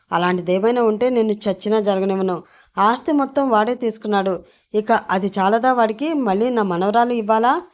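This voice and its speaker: A woman voicing a sharp-tongued old grandmother who scolds without stopping, in a storybook reading. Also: natural voice. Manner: shrill, scolding nonstop.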